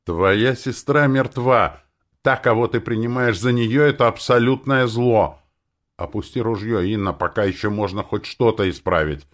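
A man voicing a frightened, desperate man who shouts and pleads. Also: on the low side, normal speed, pitched above the performer's own voice, lightly acted.

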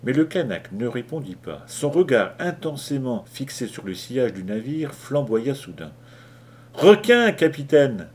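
A man narrating an audiobook with measured, dramatic delivery. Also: mid-range voice, animated, darkish tone, a little hiss or hum. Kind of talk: audiobook reading.

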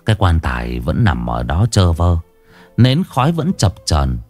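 A man narrating a ghost story in a dramatic, expressive reading. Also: low voice, a little slow, soft background music.

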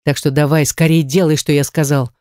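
A reader voicing a cold, scheming male kidnapper in an audiobook, with a low and curt delivery. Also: little pitch movement, a little fast, darkish tone, dry recording, clean studio sound, lightly acted. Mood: menacing. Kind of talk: audiobook character reading.

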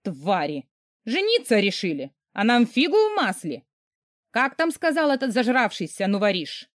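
A woman's voice: fairly high pitch, very animated, moderate pace, no room sound. A bitter, scheming middle-aged mother in a storybook, cold and contemptuous, her voice rising and falling with spite, as a woman reader puts her on. The sound is dry and close.

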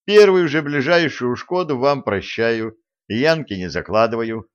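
A man reading an audiobook voices a quick-witted young man, a royal gossip, with a wry, bargaining manner, on a dull lo-fi recording. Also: mid-range voice, expressive, clear, resonant tone, close to an everyday voice. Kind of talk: audiobook character voicing.

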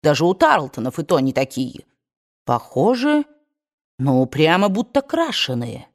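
A woman's voice: deep voice, very animated, measured pace, exaggerated voice. A woman reading the part of a nosy, pious old nanny in an audiobook, with folksy, grumbling speech. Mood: suspicious.

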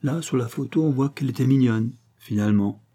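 A man's voice: mid-range voice, a little fast, dark tone, close to an everyday voice. A man voicing a frank, plain-spoken young country woman. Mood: guarded.

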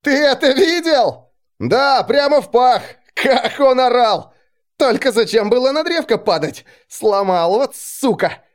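A man voicing a rowdy gleeful mercenary soldier, yelling crude jokes after a fight. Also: very high voice, expressive, unhurried, pitched above the performer's own voice.

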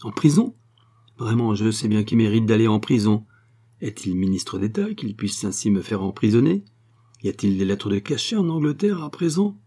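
A man's voice: fairly low pitch, very animated, normal speed, mellow, breathy edge. A man voicing a scheming foreign woman spy, brazen and wheedling. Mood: indignant.

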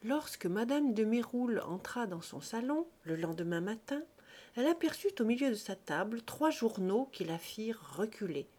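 A woman narrating a classic short story aloud, clear and expressive. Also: a little high, normal speed. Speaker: reader. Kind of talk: literary reading.

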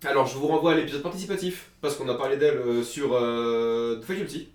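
A man's voice: mid-range voice, fast, reverberant, distant mic. A man co-hosting a casual podcast about films, listing facts hesitantly with many fillers. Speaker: podcast co-host. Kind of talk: casual film chat.

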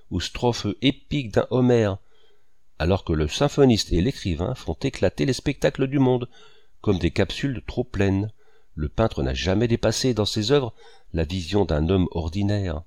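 A man's voice: on the low side, animated, moderate pace, a little mellow, dry recording, studio quality. A man voicing a boastful, exuberant male painter who talks grandly and at length. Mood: grandiloquent. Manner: grandiose, voluble.

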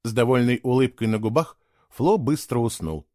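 A man reading an audiobook in expressive scripted narration. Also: mid-range voice, moderate pace, no room sound, studio quality. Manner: expressive storytelling.

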